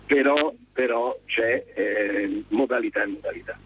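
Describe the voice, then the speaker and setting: A man calling into a radio show on speakerphone from his car, explaining things in a polite, practical, measured way. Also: mid-range voice, husky. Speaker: guest electrician. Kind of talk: radio phone-in conversation. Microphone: car hands-free speakerphone. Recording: muffled phone-line speakerphone audio.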